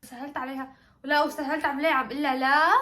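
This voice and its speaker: A woman's voice: high voice, quick pace. A woman with a Levantine Arabic accent chatting casually and giggling through a playful game. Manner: giggly, animated. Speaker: challenge video participant. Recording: echoey room.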